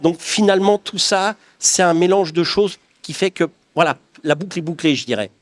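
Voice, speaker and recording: Here a high-voiced, middle-aged Parisian-region craftsman talks at a moderate pace during an interview. His answers are earnest and reflective, punctuated by frequent restarts.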